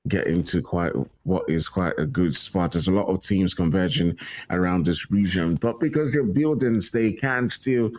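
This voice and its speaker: A man's voice: sits low, normal speed. A man giving casual esports color commentary, often repeating phrases. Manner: relaxed, repeats himself with fillers. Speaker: esports co-caster.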